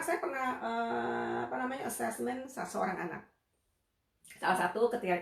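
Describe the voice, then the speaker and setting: A woman's voice: mid-range voice, vocal fry, fairly bright tone. A woman behavior analyst giving a casual, conversational live lesson to parents, chatty and full of tag phrases. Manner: chatty, conversational, often tags phrases with "gitu ya". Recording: echoey room livestream audio.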